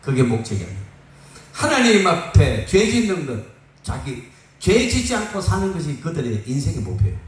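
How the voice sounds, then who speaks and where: A male pastor preaching a sermon in a lively, joking way, laughing often, recorded on a phone from far off in a church hall. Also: on the high side, normal speed. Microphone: phone far off in the room. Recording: echoey room from far off on a phone.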